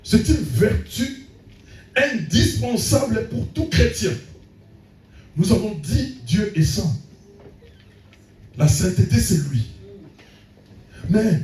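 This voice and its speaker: With a high, slightly mellow voice, a man preaches as pastor, peppering his message with repeated calls of amen. The recording comes from a distance in an echoing church hall.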